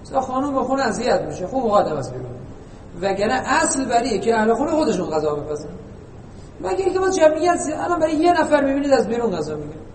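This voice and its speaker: A man delivers an informal religious lesson in a conversational, teasing way, full of rhetorical questions. His voice sits unusually high. The recording comes from far off in a long-echoing hall, with a faint hiss underneath. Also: sing-song. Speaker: preacher. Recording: echoey hall, distant mic, faint noise.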